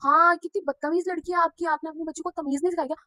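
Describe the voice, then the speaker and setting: A man's voice: extremely high pitch, fairly even intonation, rapid-fire, sharp tone, voice pushed up, heavily acted. A woman voicing an irritable middle-aged man who scolds and accuses. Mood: indignant scolding.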